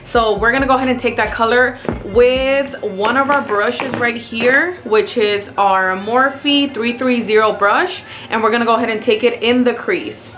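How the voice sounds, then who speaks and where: A woman's voice: on the high side, moderate pace, hardly any pauses, fairly bright tone, soft background music. A woman with a Mexican accent, chatting casually through a makeup tutorial as a beauty vlogger and talking viewers through each step.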